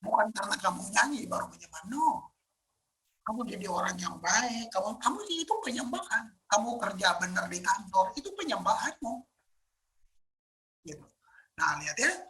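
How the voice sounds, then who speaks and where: A woman pastor giving a casual, emphatic sermon, often sinking into a hushed whisper. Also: medium pitch, big pitch swings, normal speed, long pauses, slight background noise, rough recording. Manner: casual conversational preaching with fillers.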